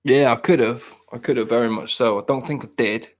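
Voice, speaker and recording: A man's voice: mid-range voice, steady tone, brisk. A man in his thirties chatting casually, rambling and poking fun at himself. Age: 30s. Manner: rambling, self-mocking, restarts often. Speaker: podcast host. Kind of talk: casual chat.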